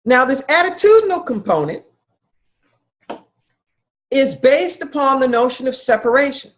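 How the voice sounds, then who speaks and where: An emphatic woman minister leads a class, quizzing her listeners and repeating their answers. Her voice is fairly high and very lively. The sound is dull and lo-fi, as from a video call. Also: moderate pace. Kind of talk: interactive spiritual lecture.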